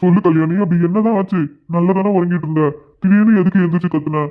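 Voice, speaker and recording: Fast-talking cartoon grandpa, soothing, tinny phone sound, man voicing him. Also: high-pitched, steady tone, close to an everyday voice. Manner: soothing, questioning. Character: caring elderly grandfather.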